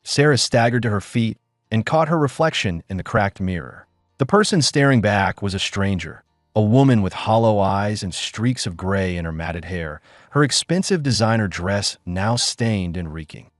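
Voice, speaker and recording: A man's voice: lowish voice, lively intonation, normal speed, dry recording, clean studio sound, soft background music. A man narrating a dramatic story in a scripted, storytelling reading.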